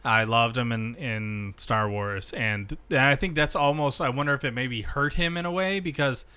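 A man in a casual chat about a movie, talking in an animated way with frequent restarts and swearing. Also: medium pitch, normal speed, clear, resonant tone. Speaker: movie discussion participant.

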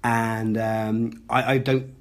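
A man's voice: on the low side, little pitch movement, slow. Dry-humoured male podcast host, live. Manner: dry, self-deprecating, rambling with many fillers. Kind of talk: live podcast chat before an audience. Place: live music venue room.

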